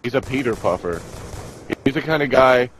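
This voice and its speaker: A man's voice: mid-range voice, animated, normal speed, background noise. A man ranting like a raging gamer during an online match, crude and foul-mouthed. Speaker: video game player. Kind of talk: raging gamer commentary, casual chat.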